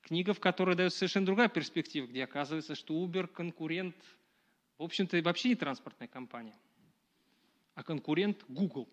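In dull audio from a camera placed at a distance, a middle-aged man lectures to a live audience in a small dark room. His pitch is fairly high and he speaks fast, conversationally, with frequent fillers and restarts.

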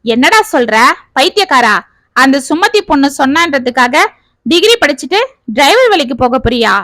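A woman's voice: high-pitched, animated, normal speed, fairly bright tone, no room sound. A woman reading a story, voicing a young man who teases his friend. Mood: mocking. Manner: teasing. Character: mocking young male friend.

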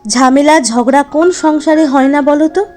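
A woman speaks a motivational voice-over in a fairly high, gentle, advising voice. She slips English phrases into her talk. Soft music plays quietly underneath. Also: moderate pace. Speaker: lifestyle vlogger. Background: faint background music.

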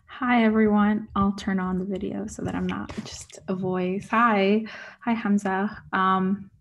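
A woman's voice: mid-range voice, little pitch movement, unhurried, vocal fry, slight background noise. A young woman from the United States giving an earnest, grateful comment as a panelist on a video call from her living room. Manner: earnest, grateful, with many fillers. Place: living room at home, indoors. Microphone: laptop webcam.

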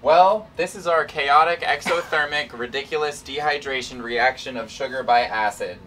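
A man's voice: medium pitch, moderate pace, pushed and bright. A young man explaining science casually, in a playful, slangy, irreverent way. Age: young adult. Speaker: chemistry presenter. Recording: distant camera mic, faint room noise.

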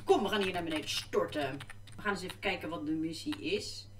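A woman's voice: lowish voice, brisk, recorded from a distance, background noise. A woman, chatting casually and exclaiming as she plays a game at her computer. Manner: chatty, easily distracted, exclaiming. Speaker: gaming vlogger. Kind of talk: casual gameplay commentary. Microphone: desk microphone. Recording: echoey room, mic off to the side.

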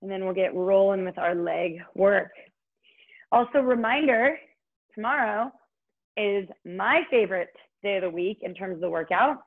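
A woman's voice: medium pitch, normal speed. Upbeat woman aerobics instructor, muffled stream. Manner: upbeat, encouraging, short motivating cues. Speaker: fitness instructor leading a live online workout. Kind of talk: aerobics instructor cueing, counting down and coaching. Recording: muffled, band-limited online stream audio.

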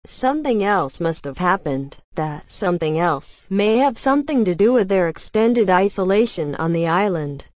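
A woman's voice: mid-range voice, a little mellow, no room sound. A woman reading scripted science narration in the manner of a nature documentary.

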